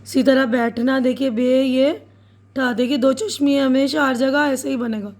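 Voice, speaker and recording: A woman teacher calmly walking pupils through writing and reading words, spelling each one out letter by letter and checking in often with short confirmations. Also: sits high, a little slow. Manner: checks in with "theek hai" often. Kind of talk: step-by-step writing lesson.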